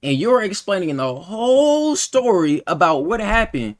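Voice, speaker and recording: A man's voice: high-pitched, big pitch swings, measured pace. A man hosting a reaction commentary, questioning and incredulous, speaking in casual slang. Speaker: commentary host.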